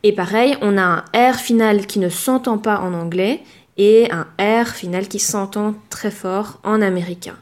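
A woman teaching a language lesson, speaking clearly and measuredly, and slowing down to model words. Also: medium pitch, darkish tone. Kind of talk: explaining a lesson.

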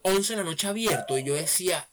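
A young Venezuelan man chatting casually on a podcast, telling lively stories and acting out his own past lines. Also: sits high, brisk. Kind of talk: casual chat. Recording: noisy background.

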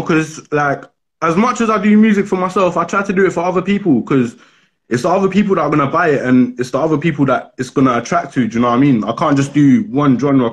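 A man with a south London accent chatting casually as a guest, slangy and laid-back. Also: medium pitch. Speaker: music artist guest. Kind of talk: casual interview chat.

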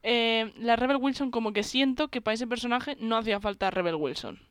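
A woman's voice: a little high, brisk, clean tone, dry recording, clean studio sound. A woman with a Spanish accent from Spain, chatting casually and enthusiastically while reviewing a film. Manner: enthusiastic, chatty, laughs often. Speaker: film podcast co-host.

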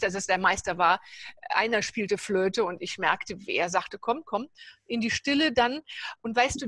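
Female interviewer, reflective, dry close sound, mid pitch. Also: fairly bright tone, dry recording. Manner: thoughtful, asks in long reflective runs. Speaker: interviewer, host. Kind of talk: spiritual interview conversation.

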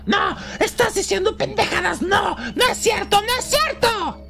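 Lady doing a bratty little kid, screechy high voice, yelling scared and rude. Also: huge pitch swings, quick pace, gravelly, music in the background, full character voice. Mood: panicked. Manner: high panicked shouting. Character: spoiled seven-year-old boy, bratty and scared.

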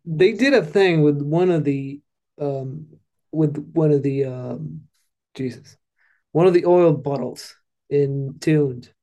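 A man's voice: fairly high pitch, takes it slowly, dark tone. A man co-hosting a casual podcast chat, hesitant with many restarts, steering the topic. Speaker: podcast co-host.

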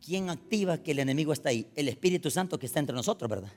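A man preaching a sermon, swinging between loud urgent lines and low confiding storytelling. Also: animated, racing. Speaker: pastor.

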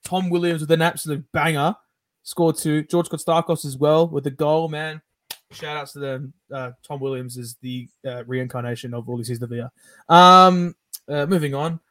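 A man's voice: fairly high pitch, steady tone, moderate pace, a bit bright, no echo. Man from South Africa, podcast host, upbeat, hesitant with fillers, dry close sound. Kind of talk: casual sports podcast chat.

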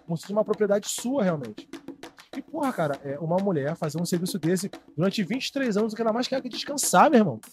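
A man's voice: sits high, expressive, quick pace, soft background music. A man co-hosting a casual chat show, talking in an emphatic, indignant, slangy way.

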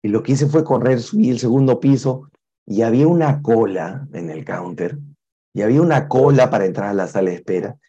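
A man's voice: medium pitch, a little fast, breathy edge, dull audio. A man telling a personal story with life lessons, acting out the voices of the people in it. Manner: animated storyteller, acts out the voices of others.

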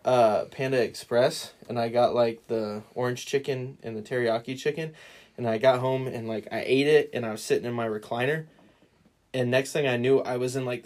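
A man's voice: medium pitch, darkish tone. A man co-hosting a podcast in casual banter with friends, with a dry, teasing way of talking. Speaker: podcast co-host.

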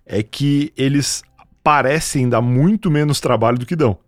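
A man hosting a podcast, relaxed, mostly giving short agreeing replies and brief thoughts. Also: mid-range voice, moderate pace, no echo, studio quality. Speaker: podcast host. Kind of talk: casual podcast chat.

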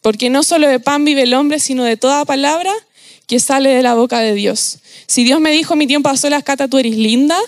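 With a high voice and an easygoing, slang-filled delivery, a young Chilean youth preacher gives a sermon, lively and laughing readily. The sound is close-miked with no echo.

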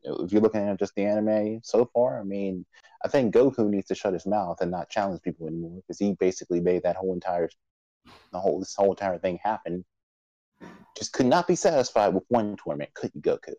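A man's voice: deep voice, a little fast, mellow, no room sound, muffled recording. Stammering man moderating a casual chat. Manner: rambling, stammering restarts, laughs often. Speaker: podcast moderator. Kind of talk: casual chat about anime awards.

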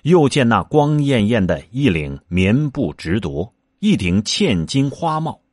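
A man reading a classic novel aloud as a storyteller, in an expressive, acted way. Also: medium pitch, unhurried, no echo, clean studio sound.

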